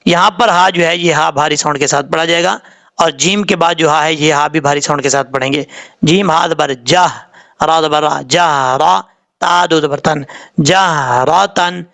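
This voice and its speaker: A man gives a tajweed lesson in a fairly high voice with a gravelly, creaky edge. He sounds out each syllable slowly and rattles through his explanations. When he recites, his chant rises and stretches out. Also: fairly bright tone. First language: Urdu. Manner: spells syllables slowly, then explains quickly; chants verses in a raised, drawn-out tone. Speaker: Quran recitation teacher.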